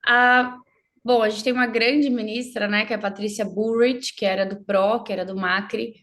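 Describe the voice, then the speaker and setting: A woman's voice: a little high, fairly even intonation, normal speed, a bit bright. Assertive woman from Brazil. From southern Brazil. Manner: fluent, assertive and emphatic. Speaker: interview guest. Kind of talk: explanatory interview talk.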